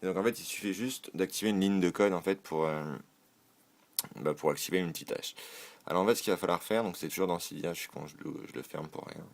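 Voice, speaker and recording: A man with a very low voice talks through a phone tutorial in a loose, casual way. He hesitates often and corrects himself as he goes. He is recorded on a phone. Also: fast. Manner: informal, hesitant, many fillers and self-corrections. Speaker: tech tutorial host. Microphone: filmed on a phone.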